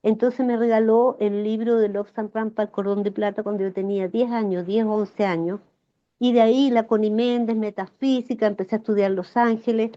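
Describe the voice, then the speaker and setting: A woman's voice: mid-range voice, a little fast. Chilean lady in her 60s telling stories with feeling, kinda muffled audio. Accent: Chilean Spanish. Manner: emotional, animated storyteller. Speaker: flower therapist guest. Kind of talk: storytelling in a podcast interview.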